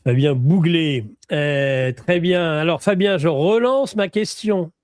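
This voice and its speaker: Man, host, brisk and chatty, slightly higher pitch, dry sound. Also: darkish tone, dry recording. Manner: brisk, chatty, addresses guest and chat. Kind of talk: web TV interview.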